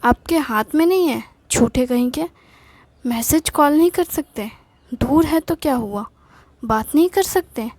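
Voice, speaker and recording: A sharp-tongued older wife who scolds in short, curt lines, played by a woman narrator. Her voice sits high and she speaks at an unhurried pace. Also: expressive, dry recording. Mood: scolding. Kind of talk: storytelling with acted dialogue.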